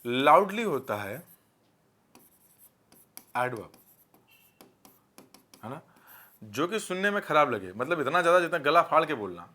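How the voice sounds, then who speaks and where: His voice is on the high side, bright and forceful, and very animated. This male grammar teacher runs an exam-prep lesson, explaining in a Hindi-English mix and reading each example slowly.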